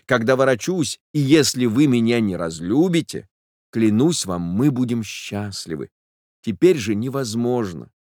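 A man voicing a gentle, earnest young suitor who speaks softly, slowly and solemnly. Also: medium pitch, expressive, no echo, studio quality, close to an everyday voice. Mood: tender. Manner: soft, slow and solemn.

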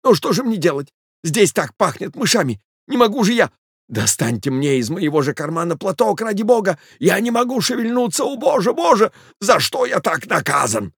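A man voicing a flustered jealous gentleman who whines and panics. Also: high voice, sing-song, normal speed, creaky, slightly rough, no echo, studio quality, voice pushed up, full character voice. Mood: pleading. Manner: panicky, whining. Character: flustered jealous middle-aged man hiding.

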